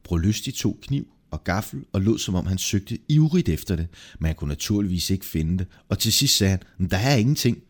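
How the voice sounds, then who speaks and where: Deep-voiced man reading a folk tale. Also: hardly any pauses. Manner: lively, expressive storytelling. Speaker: narrator. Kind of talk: folk tale read aloud.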